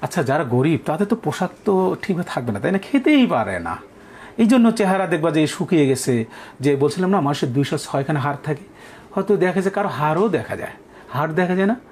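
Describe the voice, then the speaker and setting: A male teacher gives a classroom poetry lesson, his voice rising and falling a great deal as he explains. He sits a little high for a man and slows right down to recite verse lines. A faint hiss of background noise sits under the recording. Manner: animated explaining, recites verse slowly, asks students questions.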